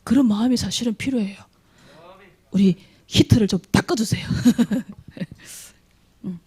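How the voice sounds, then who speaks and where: A woman's voice: medium pitch, unhurried, warm tone, slightly rough. A woman preaching a sermon to young people, often quizzing her listeners with questions and acting out heartfelt prayers. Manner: acts out dramatic prayers. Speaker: youth preacher. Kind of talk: children's sermon.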